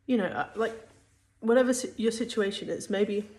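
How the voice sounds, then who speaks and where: A woman's voice: medium pitch, moderate pace, darkish tone. A woman giving a casual spoken religious teaching, hesitant, with many fillers and restarts.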